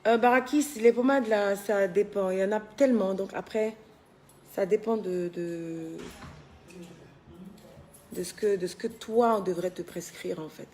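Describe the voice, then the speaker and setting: A woman's voice: mid-range voice, a little slow, darkish tone. Woman host, tired, chatty and teasing, casual live-stream talk. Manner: chatty, teasing, scolds workers. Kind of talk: casual live-stream chat reading viewer comments. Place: her villa under construction.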